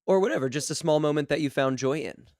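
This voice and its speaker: A man hosting a casual podcast interview, rambling and halting, with a slightly gravelly, tired voice after a late night. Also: on the high side, a little mellow, no room sound, studio quality. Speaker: podcast host.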